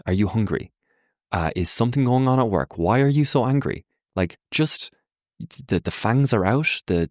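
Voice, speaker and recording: Podcast guest, young man, deep voice, lively storyteller, close dry sound. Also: no echo. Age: young adult. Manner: animated, acts out quoted voices, frequent fillers. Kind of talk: reflective conversational explanation. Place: Ireland.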